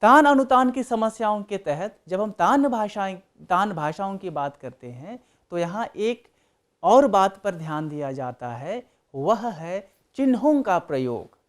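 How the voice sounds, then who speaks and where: A lecturer giving a recorded academic lesson, talking deliberately, pausing and repeating key terms. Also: mid-range voice, animated.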